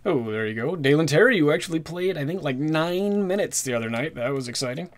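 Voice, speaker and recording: A man chatting casually while opening trading card packs, rattling off player names and getting excited at good pulls. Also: a little high, a little fast. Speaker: card-collecting YouTuber. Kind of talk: casual pack-opening commentary. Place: indoors at a desk with a card display backdrop.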